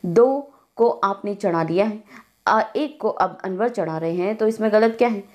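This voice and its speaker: A woman voicing a gentle middle-aged mother who speaks softly and earnestly. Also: medium pitch, moderate pace, natural voice. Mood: firm. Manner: soft, calm, earnest.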